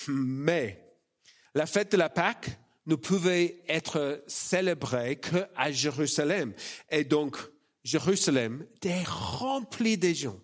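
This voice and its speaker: Slow-paced preacher, man with an Australian accent. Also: on the high side, animated. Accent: Australian accent in French. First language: English. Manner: informal, self-deprecating, halting with repeated words. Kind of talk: sermon, conversational and personal.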